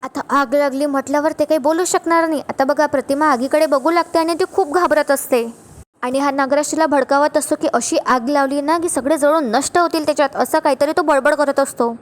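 A woman's voice: sits high, fairly quick. A woman retelling a TV serial episode, narrating the scenes and speaking each character's lines herself.

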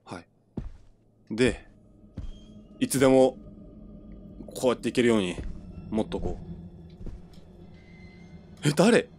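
A man's voice: medium pitch, animated, slow, long pauses, a little mellow, soft background music. A young man giving let's play commentary on a horror game, jumpy and stammering as he talks to himself. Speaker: gamer playing a horror game.

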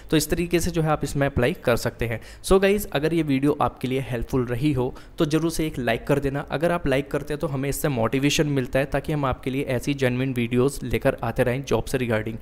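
A man's voice: medium pitch, a little mellow. Man explaining a job listing in Hinglish. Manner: reads English job text slowly, then explains in Hinglish; frequent fillers, addresses viewers as guys. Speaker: job vacancy YouTuber. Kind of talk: screen-share walkthrough explainer.

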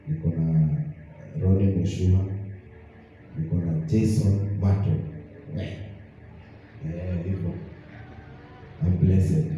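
A man's voice: low-pitched, dark tone, slight background noise. Kenyan man preaching in a roomy church. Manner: mixes English and Swahili, asks the congregation questions. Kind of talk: sermon. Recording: roomy, distant, dull church broadcast.

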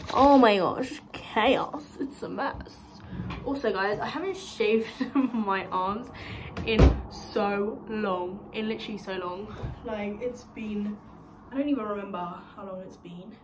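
Speaking slowly in a mid-range voice with noise in the background, a young woman vlogs from a small kitchen and a bare room that echoes. She's out of breath with a blocked nose, rambling casually and self-deprecatingly toward her phone camera, which stands propped nearby.

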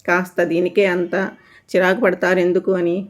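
A scolding, quick-tempered mother from a read-aloud family story, voiced by the woman narrator. Her tone is lowish and flat, telling off with little swing. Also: natural voice. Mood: sulky.

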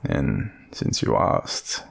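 In an intimate romantic audio roleplay, a young Australian man plays a shy, lovestruck friend, murmuring hesitantly in a deep, gravelly, breathy voice. He speaks very slowly, sounding nervous and tender.

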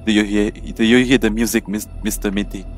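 Male gamer, very low voice, playful let's-play banter to a sidekick character. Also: fairly even intonation, a little fast, soft background music. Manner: jokey, chats to an in-game companion. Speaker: gamer playing a horror game.

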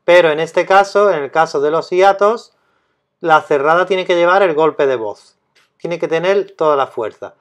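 Man teaching, slow and repetitive. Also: a little high. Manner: slow, deliberate, repeats key terms. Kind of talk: grammar lesson explanation.

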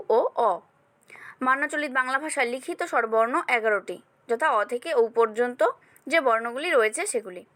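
A woman teacher with a Bengali accent, going through exam questions in a steady question-and-answer style and speaking directly to her students. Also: high-pitched, dry recording. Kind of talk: exam revision lesson.

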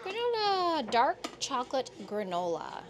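A woman's voice: high voice, huge pitch swings, measured pace, noisy background. A woman in her thirties chatting casually for her vlog, upbeat and coaxing, first in a car and then in a boat galley. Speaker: sailing vlogger. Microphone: clip-on lapel mic.

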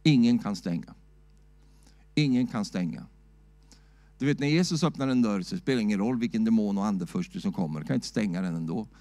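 A middle-aged man preaching a sermon in a church, shouting at times and asking the church "va?" in a loose, talky way. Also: on the low side, few pauses, dry recording. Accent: Swedish. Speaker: pastor.

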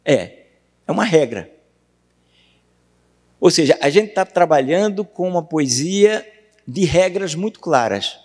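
A man with a Brazilian Portuguese accent giving a university lecture on poetry, questioning the audience and reciting verse slowly. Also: on the high side, lively intonation, a little mellow. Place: university auditorium. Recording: long hall reverb.

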